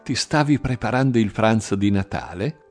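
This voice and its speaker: A man's voice: fairly low pitch, lively intonation, normal speed, faint music behind. A man voicing a tough, commanding male police commissioner who snaps out clipped orders. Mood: dry, accusing. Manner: barking orders, clipped and forceful.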